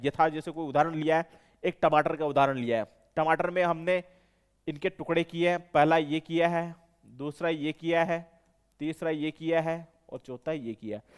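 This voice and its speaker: A man's voice: fairly high pitch, clean tone. A man with a Rajasthani Hindi accent teaching an exam-prep lesson, explaining step by step and repeating key terms. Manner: explanatory, repeats key terms, self-corrects mid-word.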